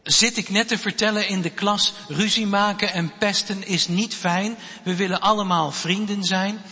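A man's voice: high voice, fairly even intonation, normal speed, bright, forceful tone. A man voicing a firm male schoolteacher who scolds two boys for fighting. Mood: scolding. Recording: long reverb of a church hall.

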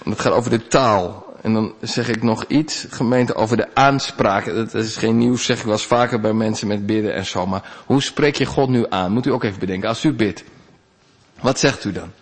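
A male pastor giving a sermon in a conversational, animated way, with big swings in pitch. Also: normal speed, slightly rough.

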